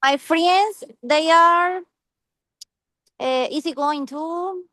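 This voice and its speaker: A woman's voice: very high-pitched, very slow, pushed and bright, no room sound. A woman whose first language is Spanish, speaking English as a student on a video call, hesitant and searching for words with many fillers. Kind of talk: online English class.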